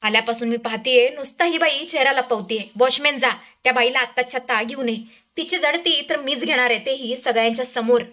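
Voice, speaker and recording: A woman's voice: high-pitched, a little fast, bright, forceful tone. A woman voicing a haughty, suspicious rich lady who orders people about and scorns a poor servant. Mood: bossy, scornful. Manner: commanding, scornful.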